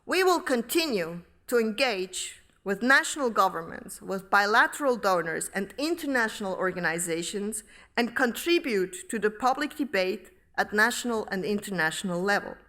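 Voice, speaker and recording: Bright-voiced woman giving a formal speech. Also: mid-range voice, expressive. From Switzerland. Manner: measured, deliberate reading from notes. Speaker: professor giving inaugural lecture. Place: large hall. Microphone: podium microphone.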